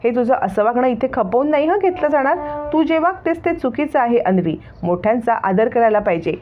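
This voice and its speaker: A woman's voice: fairly high pitch, animated, brisk, slight background noise, close to an everyday voice. A woman voicing a stern scolding matriarch. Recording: tinny phone-like sound.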